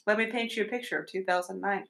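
A woman's voice: medium pitch, fairly even intonation, quick pace, gravelly, fairly bright tone. Laughing young woman hosting a podcast. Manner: chatty, laughs often, joking. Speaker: podcast host. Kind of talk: casual chat. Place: bedroom at home.

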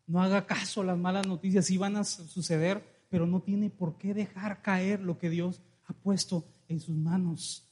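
A man preaching an animated sermon in a church, calling on the congregation and acting out stories. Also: sits high, normal speed, few pauses, slightly rough. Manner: animated, calls congregation to respond, acts out dialogue. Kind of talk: lively sermon with storytelling.

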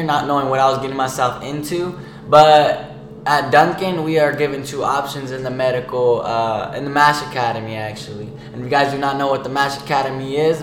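A seventeen-year-old young man co-hosting a student podcast, explaining things in a casual, slangy way. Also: medium pitch. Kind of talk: casual chat. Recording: echoey room with faint noise.

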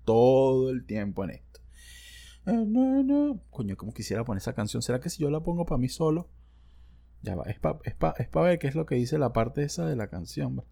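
A man's voice: medium pitch, sing-song, a little fast, vocal fry, warm tone. A man with a Venezuelan accent, hosting a casual solo podcast into a studio microphone, rambling and slangy with self-joking asides. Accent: Venezuelan Spanish. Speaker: podcast host.

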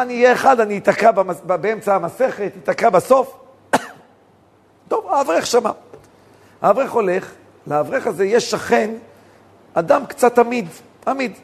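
A man, a rabbi, giving a Torah lesson in an animated way, telling stories and acting out the dialogue. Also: high-pitched, gravelly, husky.

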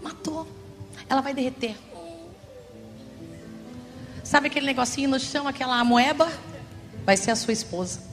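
A woman pastor preaching a sermon in an animated, theatrical way, acting out everyday examples. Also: high voice, normal speed, long pauses. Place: church service. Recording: long church reverb, music behind.

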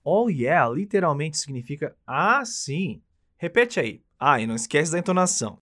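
This English teacher, Brazilian-accented, has a fairly bright, sing-song voice on the high side and speaks at an ordinary pace. He leads a cheerful lesson, having the listener repeat phrases after him.

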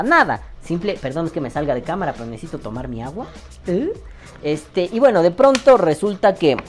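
A man's voice: sits high, a little mellow. A Mexican man hosting a casual commentary, crude and sarcastic as he critiques another creator. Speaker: vaping commentary host. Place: at his desk on camera.

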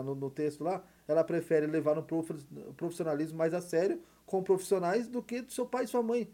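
A Brazilian man rambles through a casual opinion monologue, piling up fillers and rhetorical questions. His voice sits a bit high for a man, with a warm, mellow tone. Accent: Brazilian Portuguese. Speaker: podcast host.

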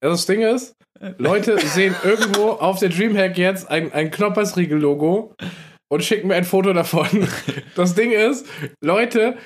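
A man with a slightly higher voice chats casually as a podcast co-host. He jokes and banters in loose slang. The talk is recorded in a hotel room. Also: moderate pace. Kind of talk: casual chat.

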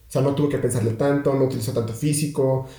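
A young man talks in a loose, rambling way, often stopping and restarting with fillers. His voice is mellow and dark, sitting at an ordinary pitch. The sound carries a roomy echo. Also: fairly even intonation, quick pace. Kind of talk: casual chat.

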